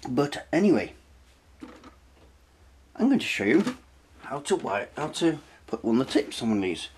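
A British man hosts a retro tech review channel, chatting informally through a casual hands-on review and tutorial from a desk in a small, cluttered indoor room. His voice sits in the mid-range with a darkish tone, and there's a little hiss or hum in the recording.

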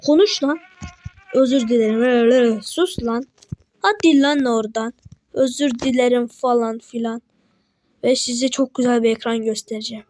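A woman giving casual let's-play commentary as a gaming YouTuber, chatty and excitable, bantering with the game in slang. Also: high-pitched, low-quality recording. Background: game music.

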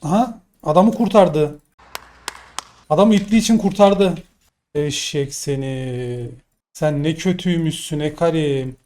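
A young man commentating his own gameplay live, excitable and swearing in frustrated outbursts. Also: fairly high pitch, a little slow. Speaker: gaming streamer.

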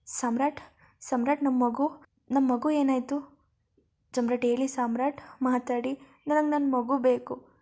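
A woman's voice: high-pitched, fairly even intonation, moderate pace, creaky. A woman doing a frantic young mother. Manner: frantic, pleading, loud. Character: distraught young mother crying for her baby.

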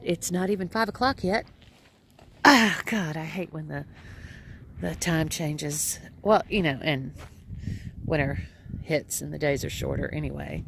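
A woman in her forties with a Texan accent speaks in a low, creaky voice over a little hiss or hum. An RV travel vlogger, she rambles and laughs often in a casual selfie chat, holding a phone camera at arm's length outdoors at an RV campground.

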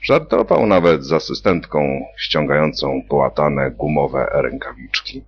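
A man reading a satirical story, narrating in a slow, playful way. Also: very deep voice, animated, slight background noise. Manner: slow, gravelly, playful voicing of characters. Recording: dull lo-fi recording.

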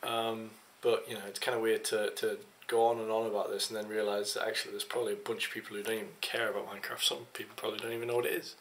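Very fast and with few pauses, the tired young Englishman delivers his casual vlog flatly in a lowish, fairly bright voice. He rambles at his desk webcam in a small home office, full of hesitant fillers, over slight background noise.

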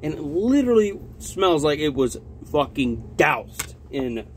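A man's voice: a little high, very animated, a little slow, slight background noise. A young adult man with a lip full of dip, chatting casually and rambling with plenty of swearing as he reviews a product on a vlog. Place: small cluttered log-walled room, indoors.

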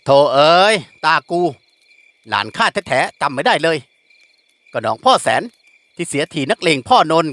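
A man's voice: a little high, very animated, normal speed, pauses often, fairly bright tone, dry recording. A man voicing an older village headman, folksy and chatty, hospitable but shrewd. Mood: welcoming.

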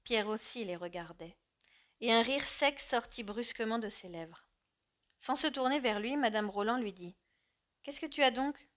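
Female audiobook narrator, measured expressive literary reading, somewhat high voice.

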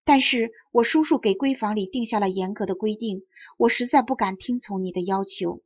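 A shy young fox-spirit woman speaks gently and hesitantly, as a woman storyteller reads her. The voice is husky and breathy. The storybook sound is dry and lo-fi. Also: medium pitch, a little fast, dry recording, close to an everyday voice. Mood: gentle. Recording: dull lo-fi recording.

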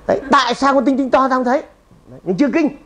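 Lively, animated man. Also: very high-pitched, very fast. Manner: emphatic and punchy, often asking the audience questions. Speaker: seminar speaker and trainer. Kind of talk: lively seminar talk to a live audience.

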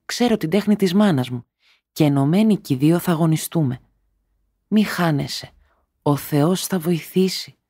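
A man's voice: medium pitch, expressive, dark tone, no room sound, studio quality, close to an everyday voice. A man reading a story aloud and voicing a young woman who is tender at times and bitter at others, speaking emotionally and rising to cries. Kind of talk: audiobook character reading.

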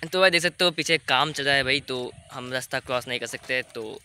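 Speaking a little fast in a pushed, bright, mid-range male voice with a clean tone, a teenage boy chats informally in a vlog and keeps calling his viewers "brother." He films himself on his phone's selfie camera at arm's length, outdoors on a field and then back at home.

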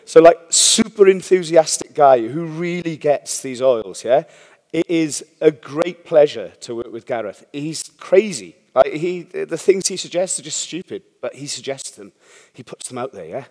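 Expressive and a little high, with a slightly mellow quality, this man speaks at normal speed. As a startup founder at a conference, he gives a frank, meandering talk, curses casually, and keeps checking in with "yeah?". The hall adds a long reverb.

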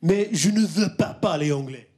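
A man's voice: a little high, lively intonation, normal speed, background noise, lightly acted. A man playing a hammy faux French folk singer. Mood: mock indignant. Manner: hammy, mock-pompous, mixes French and English. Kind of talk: live stand-up comedy song. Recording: live venue with music and loud crowd.

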